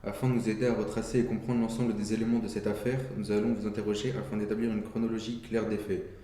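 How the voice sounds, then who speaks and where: A man's voice: lowish voice, little pitch movement, quick pace, mellow, very echoey, in a large hall, close to an everyday voice. A man playing a gendarme who questions witnesses in a formal, pointed way. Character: formal male gendarme interrogator. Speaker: investigator.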